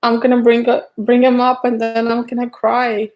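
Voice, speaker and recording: A middle-aged woman chatting casually on a livestream, greeting viewers by name and talking haltingly with restarts. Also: fairly high pitch, completely flat delivery, a little mellow, low-quality recording. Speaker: livestream host.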